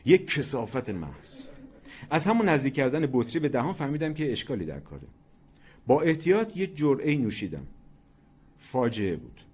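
A man reading a short story aloud in a dramatic, expressive narration. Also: medium pitch, slightly rough. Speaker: story reader. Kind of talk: scripted narration.

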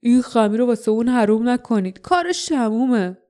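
A woman voicing a gruff, scornful male warrior who grumbles his lines in an audiobook. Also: fairly high pitch, lively intonation, mellow, natural voice. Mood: grumbling. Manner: grumbling, contemptuous. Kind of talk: audiobook character voice.

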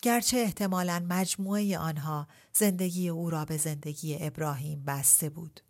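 A woman reading a literary novel aloud in a measured, reflective way, posing rhetorical questions. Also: on the low side. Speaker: audiobook reader. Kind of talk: literary story narration.

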